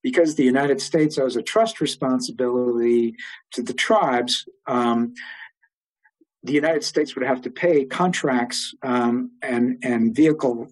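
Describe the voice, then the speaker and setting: An older man, an interview guest, telling long stories in a rambling way with many pauses and fillers. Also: mid-range voice, poor audio. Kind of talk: oral history storytelling.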